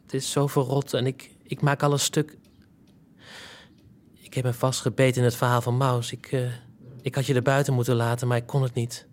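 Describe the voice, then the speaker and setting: A man's voice: mid-range voice, level tone, moderate pace, lightly acted. An actor playing a lovesick, remorseful young man who talks in a pleading, confessional way in an audio drama. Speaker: main character.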